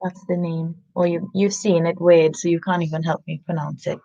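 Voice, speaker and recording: Reading a picture book aloud during a live children's story time, a woman uses an animated storybook delivery, sniffing now and then and chatting with listeners in asides. She speaks at a moderate pace in a lowish voice with vocal fry. The audio is dull.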